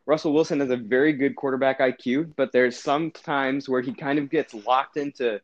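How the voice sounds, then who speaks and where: A man's voice: medium pitch, normal speed, highs cut off. A man co-hosting a casual sports podcast, rambling and correcting himself as he talks through his team's season. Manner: rambling, self-correcting, animated. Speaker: podcast co-host.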